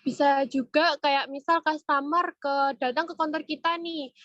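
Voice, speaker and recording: A retail trainer presenting a webinar speaks in a high, steady, slightly bright voice, taking her time despite a cold and cough. Her talk is informal and conversational, with regular check-ins with listeners. The recording is dry, and the online-meeting sound is dull and muffled.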